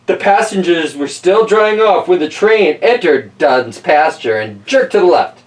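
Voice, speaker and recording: His lively, high-leaning voice moves at a measured pace through an animated children's story, punctuated by playful, wry asides. The distant recording has poor audio.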